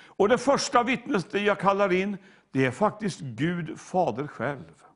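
An older man preaching a sermon, slow and emphatic, each phrase falling away at the end. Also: sits high, very animated, fairly bright tone.

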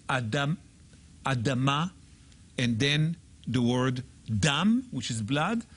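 Husky-voiced man, lively pitch, emphatic guest teacher who sounds words out. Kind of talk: animated teaching in a TV talk show.

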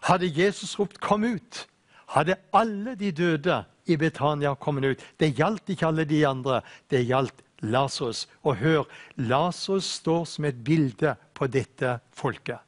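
Earnest preacher, slightly high voice. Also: male voice. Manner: earnest, quotes scripture with slow, weighty emphasis. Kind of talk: sermon.

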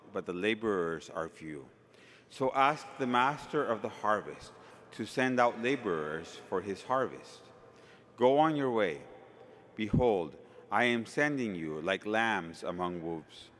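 A man's voice: fairly low pitch, fairly bright tone. A man speaking solemnly as a priest at Mass, his voice carrying in a cathedral echo in a large church. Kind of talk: gospel reading and homily at Mass. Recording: long cathedral-like reverberant echo.

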